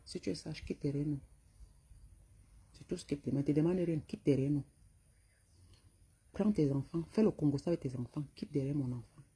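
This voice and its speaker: A woman's voice: low-pitched, brisk, pauses often, dark tone, husky. A middle-aged woman with a Cameroonian French accent, scolding and insulting someone in a heated rant to camera. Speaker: vlogger.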